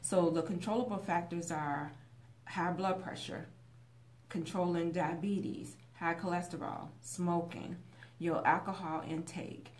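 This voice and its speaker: A woman hosting a radio talk show, explaining health information in a steady, informative way. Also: lowish voice, a little slow. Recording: echoey room with faint hum.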